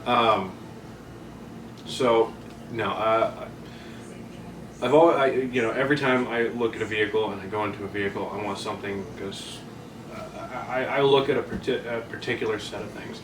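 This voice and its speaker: A man's voice: on the low side, fairly even intonation, normal speed. Echoey, distant man with a Vermont accent. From Vermont, US Northeast. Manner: rambling, self-deprecating. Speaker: interview guest. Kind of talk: casual interview chat. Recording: echoey room, distant mic, noisy background.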